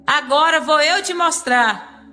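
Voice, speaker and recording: A woman's voice: high-pitched, pushed and bright, soft background music, heavily acted. A woman voicing a grave, stern Jesus. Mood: solemn. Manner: slow, grave pronouncements. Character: solemn adult male Jesus, stern and calm.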